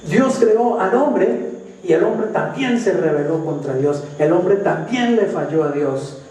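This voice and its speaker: A man's voice: fairly high pitch, dark tone, a little hiss or hum. A male pastor preaching a sermon, emphatic and stretching out key phrases. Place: church hall. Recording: echoey church hall from far off.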